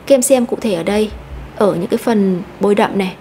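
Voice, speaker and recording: Methodical woman teacher, mellow voice. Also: medium pitch, slight background noise. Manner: methodical, repeats words slowly. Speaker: English teacher. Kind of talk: explaining a lesson.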